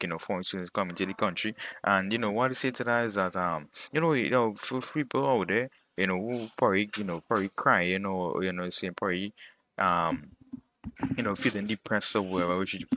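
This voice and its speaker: A man with a low, bright, forceful voice talking straight to his viewers in a casual vlog. He rambles, packing his talk with fillers and slang as he goes. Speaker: vlogger.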